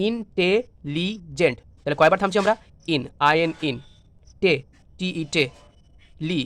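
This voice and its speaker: A man with a Bengali accent teaching an exam-prep English lesson, spelling words letter by letter and mixing Bengali with English. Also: a little high.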